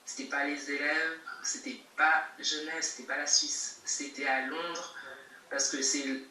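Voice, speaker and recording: A young woman from Geneva, Switzerland, appearing as a guest rapper, answers interview questions over a video call in a casual, emphatic way, repeating herself and laughing between points. Her voice is low and sharp, level in tone and unhurried, carried on echoey, distant call audio with faint noise.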